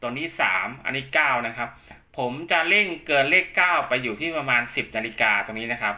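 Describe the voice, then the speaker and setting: Very bright-voiced man giving a tutorial. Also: mid-range voice, expressive, brisk. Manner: repetitive polite particles, hands-on explaining. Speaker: instructor demonstrating equipment. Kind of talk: casual spoken tutorial.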